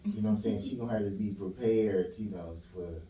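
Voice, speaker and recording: A male host asks blunt, slangy questions in a loose conversation. His voice is mellow and dark. The room is echoey, and he sits away from the mic. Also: fairly low pitch, steady tone, brisk, distant mic, slight background noise. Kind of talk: casual interview chat.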